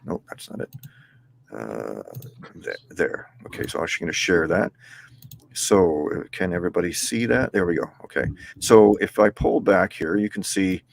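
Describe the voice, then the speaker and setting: A man's voice: sits low, animated, normal speed, creaky, a little hiss or hum. A man hosting a casual interview over a video call, easygoing, often chuckling, and reading out questions from viewers. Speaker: host.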